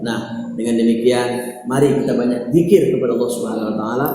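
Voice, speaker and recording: A male Indonesian preacher, telling a story in a sermon and acting out its dialogue. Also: fast talker. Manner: animated storyteller acting out dialogue, rising high when excited. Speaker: Islamic preacher. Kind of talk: storytelling religious lesson. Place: prayer room. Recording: very echoey hall recording, faint hum.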